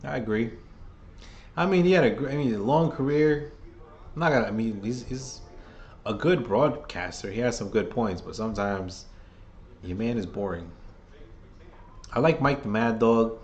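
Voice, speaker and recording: Man, hoarse, casual fan play-by-play host, rambling and opinionated. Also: medium pitch, normal speed, pauses often, muffled recording, slight background noise. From New York. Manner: rambling, opinionated, restarts phrases often. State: hoarse, losing his voice.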